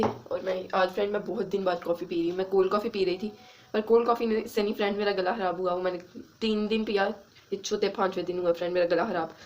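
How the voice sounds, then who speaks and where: A woman's voice: medium pitch, low-quality recording. Chatty woman vlogging at home on her phone. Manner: chatty, keeps calling viewers friends, coos at the small child. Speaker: family vlogger. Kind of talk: casual home vlog. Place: home kitchen, indoors. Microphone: phone camera.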